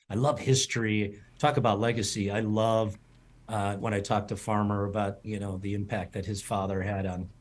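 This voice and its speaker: A man in his fifties, a culinary school president, telling stories in an interview with many restarts and fillers. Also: on the low side. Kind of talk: storytelling interview answers.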